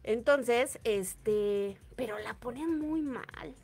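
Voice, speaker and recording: A young woman with a Mexican accent co-hosts a celebrity gossip radio show from a small studio booth, speaking into a desk-stand studio mic. Her voice is a little high, darkish and slow as she chats casually and acts out scenes with quoted voices.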